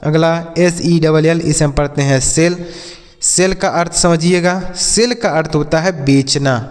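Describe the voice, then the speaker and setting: A man's voice: a little high, a little slow, in a large hall. A man teaching English words to Hindi-speaking viewers, repeating each word and asking questions back. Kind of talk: Hindi-language English vocabulary lesson.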